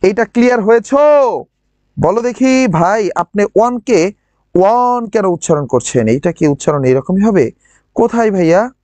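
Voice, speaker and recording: Lively high-voiced Bangladeshi teacher. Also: male voice, dry recording. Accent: Bangladeshi Bangla with a regional lilt. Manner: drills words by repeating them slowly, asks students questions. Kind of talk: online admission-prep class.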